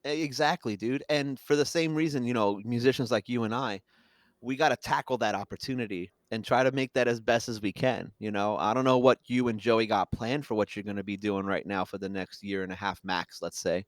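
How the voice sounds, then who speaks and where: A young man from Long Island, a guest in a casual chat, talking in an animated, quick way and laughing as he goes. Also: fairly low pitch, no echo, clean studio sound. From Long Island, New York.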